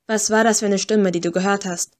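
Woman doing calm young ghost-agency boss, steady and in charge, audiobook. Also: mid-range voice, brisk, natural voice. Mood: calm commanding.

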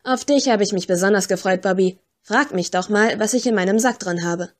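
A woman's voice: medium pitch, a little fast, natural voice. Flo Bones, brash cheeky scavenger played by a woman. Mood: brash teasing. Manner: brash, crude, teasing. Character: scruffy cheeky young female river scavenger.

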